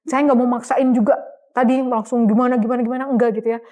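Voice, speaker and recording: Chatty middle-aged woman, higher voice. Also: fairly even intonation, fast talker, dark tone. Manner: chatty, laughs often, many fillers. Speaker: guest sharing her conversion story. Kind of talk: casual conversational interview.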